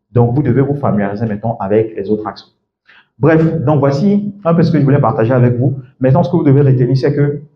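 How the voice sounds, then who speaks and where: A man coaches a live group in casual French, repeating English words to model how they sound. His voice sits in the middle of the range. The recording is dull and lo-fi, with a roomy echo. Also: mid-range voice. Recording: echoey room, dull lo-fi sound.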